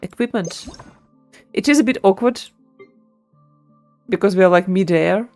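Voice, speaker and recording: Over background game music, a woman streamer talks through her gameplay and reads lore aloud. Her voice is medium-pitched and a little mellow, with a measured pace.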